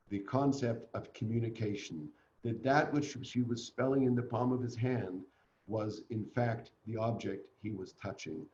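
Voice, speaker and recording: Older man telling a story, mellow voice. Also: mid-range voice, reverberant, dull audio, slight background noise. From Canada. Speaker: interview guest. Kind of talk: storytelling in an online interview.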